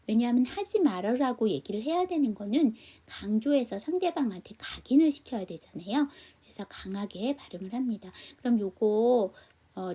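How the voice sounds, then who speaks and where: A woman's voice: on the high side, mellow, breathy edge. A woman teaching an English class online, explaining step by step and answering her own questions to the class.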